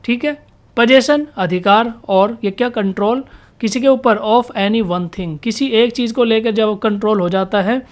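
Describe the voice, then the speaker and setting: Higher-voiced woman teaching vocabulary. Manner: asks questions and answers them herself, repeats key words; reads English definitions slowly. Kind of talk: vocabulary lesson for exam students.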